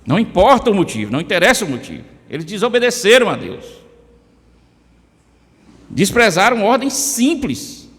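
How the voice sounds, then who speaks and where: Brazilian preacher guy, fairly high voice, punchy rises, long church reverb. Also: very animated, moderate pace, long pauses, fairly bright tone. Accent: Brazilian Portuguese. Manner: addresses listeners by name, emphatic rises. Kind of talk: sermon.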